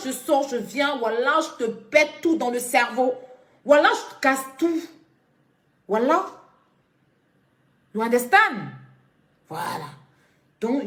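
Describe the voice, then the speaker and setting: A woman rants animatedly on a live stream. Her voice sits a little high. She scolds in slang and mixes in English phrases. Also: a bit bright. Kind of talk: casual live-stream rant.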